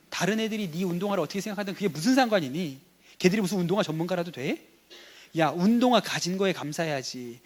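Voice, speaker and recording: A man's voice: on the high side, natural voice. A man voicing a patient father who moralizes at his son, inside a sermon. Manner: reasoning, moralizing. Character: patient, lecturing middle-aged father scolding his son.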